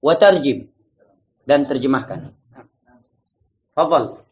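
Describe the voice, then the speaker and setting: A man's voice: medium pitch, lively intonation, darkish tone, slightly rough, dull audio. Man teaching a class, drilling phrases. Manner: drills phrases slowly, students repeat. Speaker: Arabic teacher. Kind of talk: classroom lesson.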